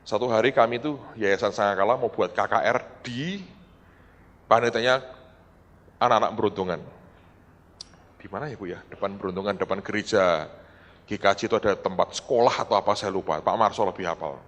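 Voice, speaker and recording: A man's voice: fairly low pitch, a little fast, pauses often. A middle-aged man giving a storytelling sermon as a pastor, talking straight to his congregation. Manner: storytelling, animated, acts out quoted dialogue; addresses congregation as "saudara". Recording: long hall reverb.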